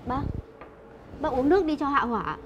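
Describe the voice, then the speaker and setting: A young actress playing a sly young woman who flatters an older mother. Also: high-pitched, normal speed, dull audio, slight background noise. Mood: flattering. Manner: sweet-talking, flattering, sharp when accusing.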